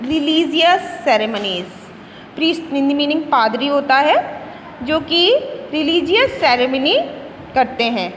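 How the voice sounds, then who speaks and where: A woman English teacher with an Indian accent, switching between Hindi and English, repeating words slowly for pupils to drill their pronunciation. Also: high-pitched, a bit bright, in a large hall, a little hiss or hum. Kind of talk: classroom lesson explaining words and pronunciation.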